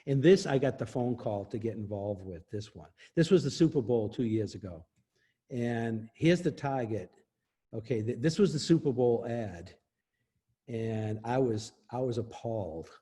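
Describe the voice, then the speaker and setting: A man's voice: mid-range voice, expressive, a little slow, warm tone, husky. A man speaking as an interview guest, explaining copyright law in an emphatic way and laughing often. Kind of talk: explanatory casual talk.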